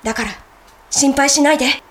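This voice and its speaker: An actress voicing a brash, excitable young hero boy who keeps arguing with the story. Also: high voice, brisk, a little hiss or hum. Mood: earnest. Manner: loud, excitable, breaks the story to argue.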